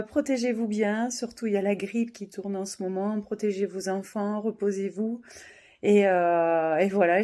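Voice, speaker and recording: Sick, halting woman vlogger. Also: medium pitch, a little mellow. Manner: halting, hesitant, searching for words. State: sick with the flu, tired. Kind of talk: casual aside to viewers.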